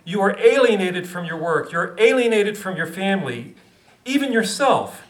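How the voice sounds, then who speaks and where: A man's voice: high voice, very animated, moderate pace, echoey room, voice pushed up. A man voicing a stern male author who lectures in an insistent, exasperated way. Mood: lecturing.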